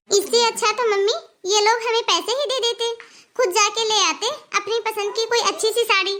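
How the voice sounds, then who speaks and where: A very high, bright voice belongs to this cartoon's spoiled young bride, who whines and boasts with a sharp tongue. Her delivery keeps a constant edge of complaint. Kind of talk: cartoon voice acting.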